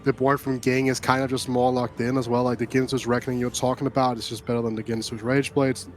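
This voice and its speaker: A man's voice: medium pitch, little pitch movement, fast. A man giving analytical color commentary on an esports match, often saying "like" and "right?" as he thinks aloud. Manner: talks it through with many "like" and "right?" tags. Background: faint background music.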